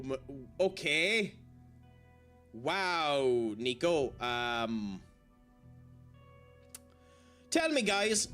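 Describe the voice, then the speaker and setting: A man's voice: on the high side, a bit bright. A man giving live commentary as a gaming streamer, swearing casually and often.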